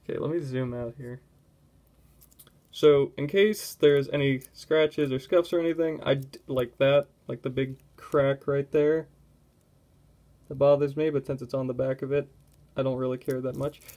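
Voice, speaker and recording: A young man giving a casual watch review at home, relaxed and rambling, often breaking off mid-thought. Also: medium pitch, moderate pace. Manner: relaxed, rambling, self-interrupting. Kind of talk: casual product review vlog.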